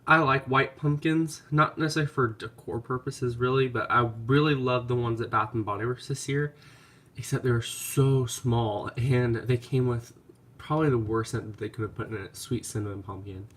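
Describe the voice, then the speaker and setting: Here a candle vlogger, medium in pitch and fairly bright, talks at a normal pace through a haul video at home. He sounds nasal and stuffed up from clogged sinuses, meandering casually and hesitantly with many ums.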